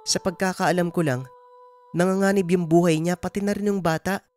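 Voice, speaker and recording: A man's voice: sits high, steady tone, moderate pace, darkish tone, voice pushed up, lightly acted. A man putting on a worried village mother. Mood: pleading. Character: worried, gentle middle-aged village mother.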